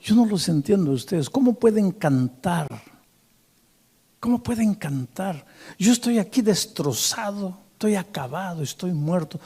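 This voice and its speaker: A man voicing an angry, grieving father who shouts bitterly and then pleads brokenly. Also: sits high, animated, unhurried, slightly rough, pitched above the performer's own voice, exaggerated voice. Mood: anguished outraged. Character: grieving enraged father, middle-aged man.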